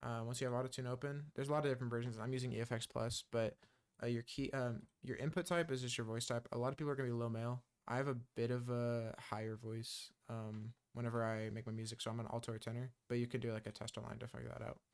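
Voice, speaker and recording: A music production tutor talks fast through a beginner software tutorial recorded on screen, loose and chatty with many ums and uhs. His voice is smooth and resonant at an ordinary middle pitch.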